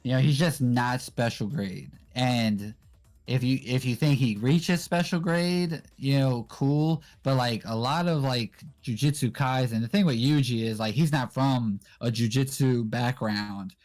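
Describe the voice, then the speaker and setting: A young man guesting on a casual anime discussion, explaining in a relaxed way with lots of fillers. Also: mid-range voice, unhurried. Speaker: guest co-host.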